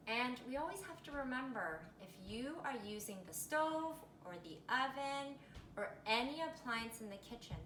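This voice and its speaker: A woman talking like a kids show host, leading children through a cooking lesson in simple, sing-song, teacher-like phrases. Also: a little high. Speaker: presenter of a children's cooking video. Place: home kitchen. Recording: echoey kitchen, loud background noise, pan clatter.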